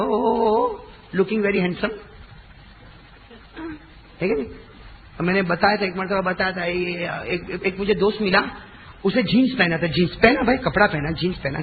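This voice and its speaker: A man preaching a devotional sermon who chants verses in a slow, drawn-out melody and urges the audience to answer him aloud. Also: sits high, phone-quality sound, slight background noise. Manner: calls on the audience to respond aloud.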